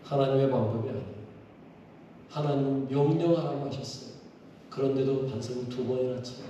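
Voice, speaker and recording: A male pastor preaching a sermon during a church service, animated and full of rhetorical questions put to the congregation. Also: mid-range voice, brisk, highs cut off. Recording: echoey hall from far off, faint noise.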